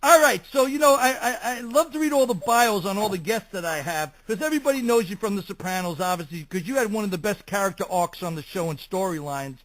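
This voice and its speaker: A man's voice: high voice, animated, quick pace, few pauses, a bit bright, poor audio. A man with a Brooklyn New York accent, hosting a chatty talk show interview.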